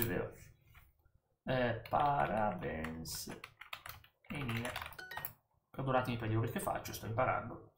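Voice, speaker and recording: A man's voice: mid-range voice, vocal fry, fairly bright tone, roomy sound, slight background noise. A man casually commenting as he works through a language app lesson, chatty and often correcting himself as he repeats words aloud. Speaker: YouTuber learning a language.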